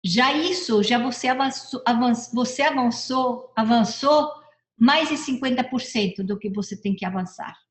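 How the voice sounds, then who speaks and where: A woman's voice: on the high side, moderate pace. A middle-aged woman giving a casual motivational talk, chatty, often repeating and correcting herself. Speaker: personal development speaker. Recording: echoey room.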